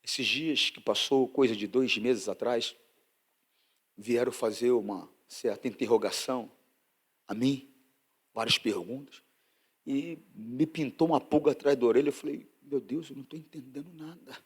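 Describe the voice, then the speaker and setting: A pastor from Brazil preaching a sermon and sharing his testimony, emphatic and swinging from loud to hushed. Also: medium pitch, a little slow, husky.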